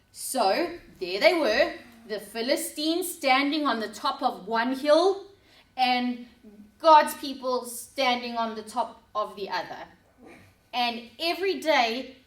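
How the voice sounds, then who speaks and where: A woman reading a Bible story aloud to children, dramatic and expressive. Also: fairly high pitch. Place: church room. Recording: roomy sound from a distant mic.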